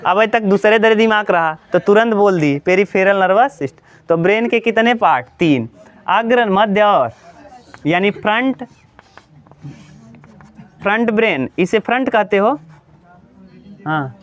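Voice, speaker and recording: A man teaching a class in a relaxed lecture style, often asking questions and answering them himself. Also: sits high, unhurried, long pauses.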